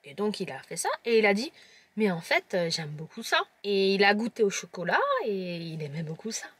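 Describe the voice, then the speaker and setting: A woman's voice: mid-range voice, lively intonation, fairly quick, fairly bright tone, slightly rough, dry recording. A woman with a Lorraine French accent, chatting playfully to camera as she tastes chocolates and describes them. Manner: chatty, playful, teasing viewers. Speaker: vlogger tasting chocolates. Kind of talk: casual tasting vlog to camera.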